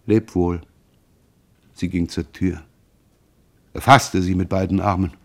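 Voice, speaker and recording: Low-voiced man reading a novel dramatically. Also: gravelly. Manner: expressive, measured, emotionally charged. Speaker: reader. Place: radio studio.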